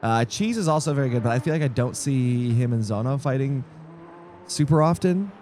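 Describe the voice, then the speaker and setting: A man's voice: medium pitch, animated, fairly quick, darkish tone, a little hiss or hum. Chatty young man streaming race commentary. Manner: rambling, distracted, jokey. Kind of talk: casual live-stream commentary. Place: home streaming setup.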